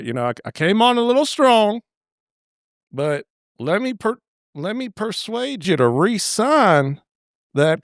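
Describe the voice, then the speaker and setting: A man's voice: high voice, no room sound, clean studio sound, heavily acted. A man voicing a pushy, crude rich young man who brags and coaxes. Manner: brash, crude, wheedling.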